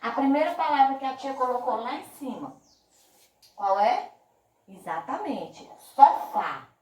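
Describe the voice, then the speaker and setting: A woman's voice: sits high, lively intonation, a little mellow, echoey room, recorded from a distance, poor audio. Teacher woman stretching out words. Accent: Brazilian Portuguese. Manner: slow, drawn-out emphasis on words; affectionate, uses diminutives. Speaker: primary school teacher. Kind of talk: remote class video lesson.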